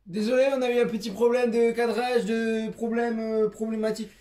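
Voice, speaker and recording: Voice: medium pitch, level tone, normal speed, mellow. An off-camera companion bantering and teasing, tossing in jokes. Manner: teasing, joking interjections. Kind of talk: casual banter. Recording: echoey room with faint noise.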